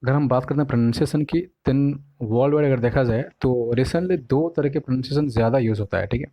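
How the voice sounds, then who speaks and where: A man with an Indian accent teaching English pronunciation in a casual classroom style, mixing Hindi and English, asking "ठीक है?" and sounding words out slowly by syllable. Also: mid-range voice, dark tone, no room sound, rough recording.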